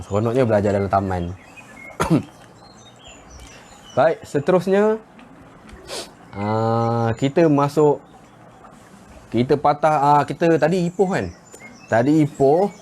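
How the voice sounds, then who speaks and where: A man teaching Quran recitation in a live lesson from a garden, relaxed and chatty, drawing out example words slowly. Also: mid-range voice. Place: outdoors in a garden with birdsong. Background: birdsong.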